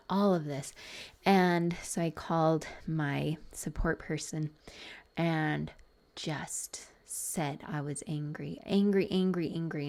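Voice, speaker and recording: Woman host, personal reflective podcast talk, earnest, slightly low pitch, restarts often, drops to soft whispered asides. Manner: earnest, thinks aloud with many restarts and asides. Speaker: podcast host and betrayal trauma coach.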